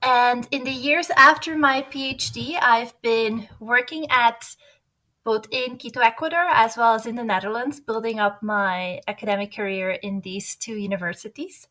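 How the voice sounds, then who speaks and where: A woman from Belgium, an engineering professor, answering interview questions in a clear, orderly way. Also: fairly high pitch, normal speed, sharp tone.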